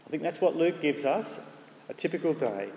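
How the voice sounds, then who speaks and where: A man's voice: a little high, expressive, vocal fry, a little mellow. Male preacher in an echoey hall. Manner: measured, rhetorical questions to the congregation. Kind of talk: sermon. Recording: echoey hall with faint ambience.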